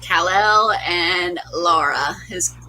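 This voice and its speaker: A woman's voice: lowish voice, takes it slowly, pushed and bright, faint music behind, poor audio. A woman hosting a casual livestream watch party, chatting animatedly and laughing often. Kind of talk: casual group chat on a livestream.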